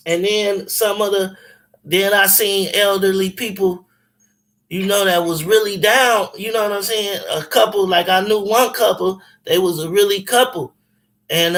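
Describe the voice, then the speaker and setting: On a phone call, a forties-aged man chats casually and tells stories in a rambling, emphatic style, slangy and profane, often restarting. He has a high, slightly bright voice, captured in a low-quality recording.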